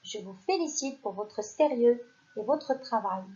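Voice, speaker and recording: A woman teaching a recorded reading lesson to young children, speaking slowly and carefully and praising the class. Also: on the high side, animated, mellow, lo-fi sound. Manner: slow, carefully articulated, praising. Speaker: primary school teacher.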